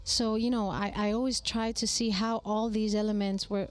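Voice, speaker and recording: A woman's voice: mid-range voice, level tone, moderate pace. A woman in her thirties from Greece, speaking English with a Greek accent as a guest in an interview, thoughtful and searching for words. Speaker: singer guest. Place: small mobile studio at a festival.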